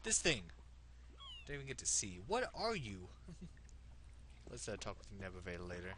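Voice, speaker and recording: A man's voice: lowish voice, wildly swooping pitch, measured pace, fairly bright tone, a little hiss or hum. A man hosting a let's play with casual, joking commentary, reacting aloud to the game.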